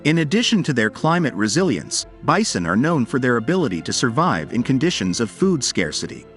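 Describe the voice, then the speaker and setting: A man reads scripted nature documentary narration in a measured, formal explanatory way. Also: medium pitch, sing-song. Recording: background music under voice. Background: music.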